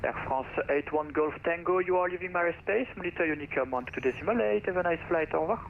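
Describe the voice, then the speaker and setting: A man's voice: on the high side, quick pace, gravelly. A man working as an air traffic controller, giving procedural instructions phrase by phrase over the radio. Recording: distant, dull radio with faint noise.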